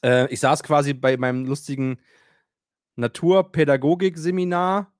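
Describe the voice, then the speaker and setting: A man's voice: a little high, normal speed, no room sound, studio quality. A man telling a story in casual chat, ranting animatedly, acting out quotes and swearing casually. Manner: animated, rants and acts out quotes; swears casually, many fillers.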